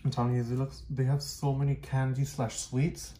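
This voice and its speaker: A man's voice: medium pitch, little pitch movement, normal speed. Man talking through a cloth mask. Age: 30s. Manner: chatty, easygoing running commentary. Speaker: vlogger. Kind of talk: casual candy taste-test vlog. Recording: echoey room with noise.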